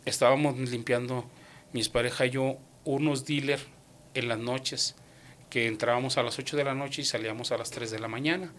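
A man giving a personal faith testimony, retelling conversations with lively, acted-out dialogue and dropping English words into his speech. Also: medium pitch, moderate pace, a little hiss or hum.

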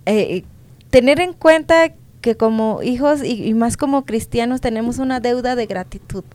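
Earnest higher-voiced woman co-host. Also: moderate pace, darkish tone, no echo. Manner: earnest, reasoning aloud.

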